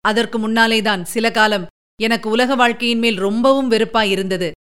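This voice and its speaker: A woman voicing a calm, patient emperor speaking gently to his daughter. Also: fairly high pitch, normal speed, clear, resonant tone, lightly acted. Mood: reassuring. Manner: gentle, soothing, reasoning.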